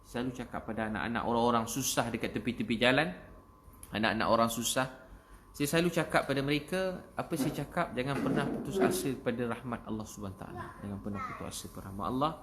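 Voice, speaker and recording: A Malaysian man with a Malay accent gives a casual religious talk on a livestream, repeating phrases and rising to loud, emphatic exhortations. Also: mid-range voice, fast talker, noisy background. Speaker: preacher. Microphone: phone.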